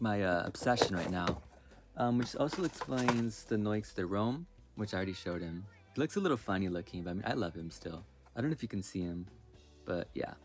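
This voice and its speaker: Casual vlogger, male, fairly low pitch, meandering and filler-heavy delivery. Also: a little mellow. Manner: rambling, filler-heavy talk, lots of "like" and "um". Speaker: doll reviewer. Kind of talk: casual unboxing vlog.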